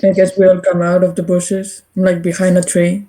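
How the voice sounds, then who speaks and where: A woman's voice: fairly low pitch, completely flat delivery, normal speed, dark tone, low-quality recording. A woman playing in a tabletop game, talking casually with hesitant, giggly speech. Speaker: player.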